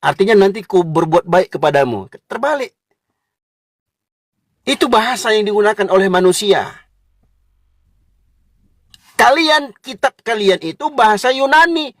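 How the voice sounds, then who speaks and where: Man, high voice, polemical preaching, mocking and combative, dry close sound. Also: animated, unhurried, long pauses, a bit bright, no room sound. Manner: combative, mocking, addresses listeners as "kau". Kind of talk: polemical religious lecture.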